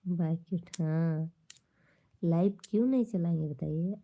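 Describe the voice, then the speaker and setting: A woman's voice: lowish voice, slow pace, narrow, tinny audio. A woman with an Awadhi-tinged Hindi accent, chatting casually on her livestream and bluntly scolding rude commenters. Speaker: livestream host. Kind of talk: casual livestream chat with viewers.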